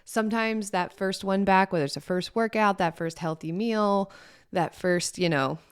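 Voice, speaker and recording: A woman hosting a casual morning chat as a fitness coach, her voice hoarse and scratchy from a recent sore throat, talking in an upbeat, rambling way. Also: medium pitch, fairly even intonation, normal speed. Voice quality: rough, scratchy voice. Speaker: podcast host and fitness coach.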